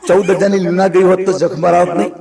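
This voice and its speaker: A man, a stand-up comedian telling a chatty, anecdotal comic story and slipping quickly into the voices of the people in it. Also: high-pitched, little pitch movement, vocal fry, crowd noise.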